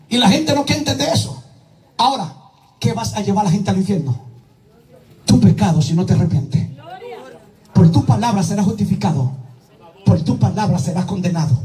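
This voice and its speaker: A male evangelist with a very high, piercing voice, shouting and chanting his sermon at a live service. He drops praise refrains between phrases, heard from some distance off the mic. Faint music and a faint congregation sit behind him. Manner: shouted exclamations and chanted deliverance prayers. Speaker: evangelist preacher. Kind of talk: fiery sermon.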